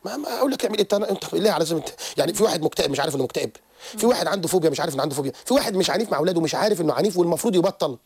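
A man, a therapist guest on a radio show who lectures quickly and keeps restarting his sentences. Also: on the high side, breathy edge. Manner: animated, rapid lecturing with frequent restarts. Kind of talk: radio interview explanation. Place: radio studio.

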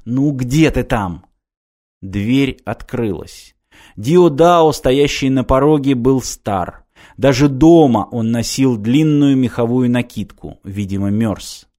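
A man reading a science fiction audiobook in a steady, measured narration. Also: medium pitch. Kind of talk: scripted narration.

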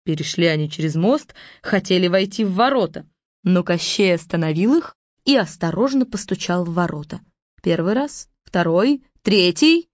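A woman narrating a fairy tale in a lively storytelling manner. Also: lowish voice, moderate pace, no room sound. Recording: dull lo-fi recording.

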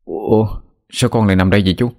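A man's voice: lowish voice, steady tone, quick pace, darkish tone, close to an everyday voice. A man voicing a flustered, earnest young man who pleads and explains. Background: faint background music.

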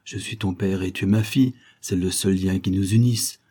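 Man playing an old father, dark, husky, earnest. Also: low-pitched, fairly even intonation, moderate pace. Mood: earnest, impassioned. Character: elderly man, gentle and anxious father.

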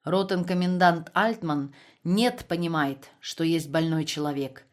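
A woman voicing a gentle German man who pleads softly but firmly in broken Russian. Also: sits low, measured pace. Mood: quiet firm.

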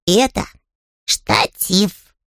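A woman's voice: medium pitch, very animated, very slow, a bit bright, dry recording, clean studio sound, heavily acted. A woman voicing a small, polite male bear who talks earnestly and takes offence easily, in a storybook reading. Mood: earnest, proud. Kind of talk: audiobook character voice.

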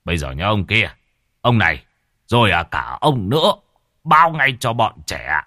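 A man's voice: lowish voice, very animated, measured pace, sharp tone, dry recording, studio quality, full character voice. A man voicing an elderly village elder, giving clipped, bossy orders. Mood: commanding.

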